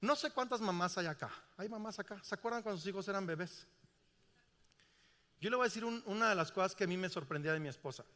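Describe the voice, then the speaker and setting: High bright-voiced pastor preaching. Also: male voice, fast talker. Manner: emphatic, asks the congregation questions. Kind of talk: sermon. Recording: reverberant church hall.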